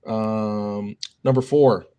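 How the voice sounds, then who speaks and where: A young man co-hosting a casual sports podcast, joking and filling pauses with lots of ums. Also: fairly low pitch, steady tone, warm tone, clear, resonant tone. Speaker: podcast co-host.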